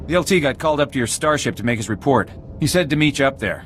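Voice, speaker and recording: An actor playing a friendly, grateful soldier in a video game. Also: male voice, medium pitch, expressive, fast, a bit bright, a little hiss or hum, natural voice.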